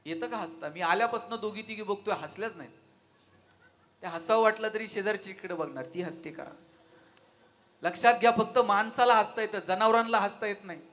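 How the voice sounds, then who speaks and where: A man's voice: high voice, brisk. A man giving a devotional talk at a live event, telling funny anecdotes and putting questions to the audience. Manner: lively storytelling, asks the audience questions. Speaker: devotional speaker.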